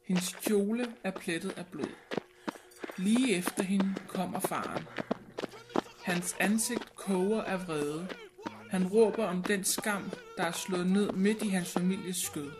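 A woman reading an audiobook in a measured, grave narration. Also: mid-range voice, noisy background. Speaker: audiobook reader. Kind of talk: scripted narration. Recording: narration with music bed. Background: music.

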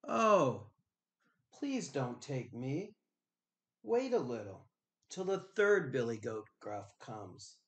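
A man voicing a medium-sized billy goat in a storybook, mild and pleading, with a fairly soft voice. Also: medium pitch, big pitch swings, takes it slowly, pauses often, exaggerated voice. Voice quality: not so small, fairly soft voice.

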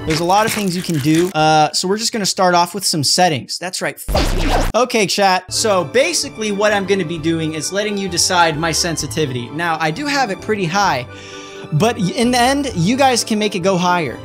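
A young man gives lively, bouncy gameplay commentary from his desk, his voice leaping up and down as he yelps and shouts at the screen. Steady music plays behind him throughout. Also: high-pitched, fairly quick. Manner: excitable, yelps and shouts at the game, swears. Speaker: gaming streamer. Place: at a computer desk. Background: background music.

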